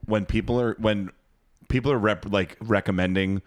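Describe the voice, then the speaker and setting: Laughing, swearing podcast co-host. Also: male voice, lowish voice, fairly even intonation, moderate pace. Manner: laughing, swearing, repeats himself. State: sweaty and hot. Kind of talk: casual chat.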